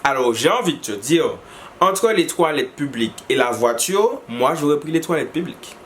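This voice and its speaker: A young man from the French Antilles telling comic stories and reacting to viewers' embarrassing moments, jumping into high squeaky voices when he quotes people. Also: sing-song, normal speed, a bit bright, slight background noise. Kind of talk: comic storytelling to camera.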